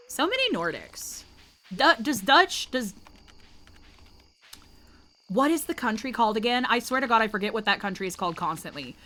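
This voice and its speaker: This gaming streamer, a woman whose native tongue is Vietnamese, speaks in a fairly high, pushed, bright voice. She chats loosely as she plays, wandering off topic, cursing and mocking herself.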